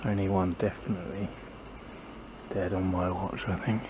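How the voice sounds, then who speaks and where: A man whose voice sits low speaks at normal speed with flat delivery. He's a gardening vlogger planting in his small backyard, casually thinking aloud to camera, second-guessing himself and often trailing off. Outdoor ambience makes the recording noisy.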